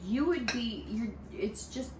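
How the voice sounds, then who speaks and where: A woman's voice: a little high, lively intonation, unhurried, distant mic. A middle-aged woman talks in an easy, chatty way over a dinner table. She sits back from the mic in an echoey room, with a faint hiss and dishes and cutlery clinking behind her. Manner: chatty, conversational. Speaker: homestead channel co-host. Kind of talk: casual chat over dinner. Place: home dining room.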